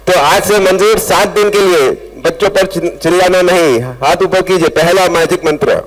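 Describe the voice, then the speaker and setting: A man's voice: high-pitched, moderate pace, a crowd in the background, rough recording. A middle-aged man giving an interactive parenting workshop, calling out to the audience and mixing in English words. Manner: animated, calls out to audience, mixes English words. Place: school event hall with audience.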